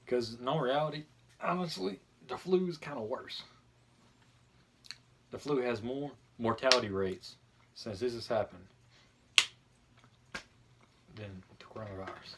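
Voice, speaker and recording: A man's voice: medium pitch, moderate pace, noisy background. A man chatting casually and giving his opinions bluntly, with some mild swearing, as a video host. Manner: blunt, mildly profane.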